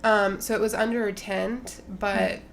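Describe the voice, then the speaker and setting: A young woman co-hosting a laid-back podcast, her voice edged with vocal fry. She chats loosely, peppering every thought with fillers. A faint low ambience sits under the recording. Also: steady tone, measured pace, slight background noise. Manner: chatty, lots of fillers and "like". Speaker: podcast co-host. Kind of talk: casual chat.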